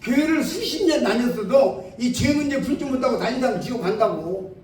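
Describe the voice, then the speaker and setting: This time the preacher's pitch is extremely high, his intonation lively and his tone a little mellow, at a moderate pace. He keeps his evangelistic message plain and keeps asking the audience questions, while the church hall echoes strongly around a distant mic with faint noise.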